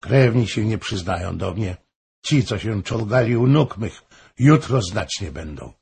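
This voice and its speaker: A frail, grieving noblewoman, as a male reader puts her on, pleads in a slow, heavy, gravelly voice. Her breathy husk makes every warning sound weary and solemn in this storybook reading. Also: fairly low pitch, animated, a little mellow, full character voice. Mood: grave pleading. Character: fallen noblewoman, pale, weak, grieving, warning. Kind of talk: audiobook reading.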